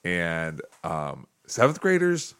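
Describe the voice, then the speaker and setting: A man's voice: sits low, wildly swooping pitch, slow pace, fairly bright tone, smooth, no echo. A man with an American accent, a football and track coach, chatting casually on a podcast and laughing often.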